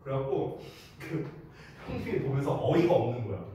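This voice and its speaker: A man's voice: mid-range voice, moderate pace, a little hiss or hum. A man teaching a class, telling a long story and acting out the voices of the people in it. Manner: lively, acts out quoted voices in a storytelling lecture. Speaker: English teacher. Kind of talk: lecture with storytelling. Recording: roomy echo, from a distance.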